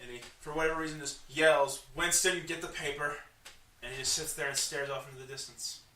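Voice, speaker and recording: Bright-voiced man running the game. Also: medium pitch, fairly even intonation, fast, far from the mic, slight background noise. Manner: loose, chatty, filler-heavy. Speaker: dungeon master. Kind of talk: narrating a tabletop game. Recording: echoey room, off-mic.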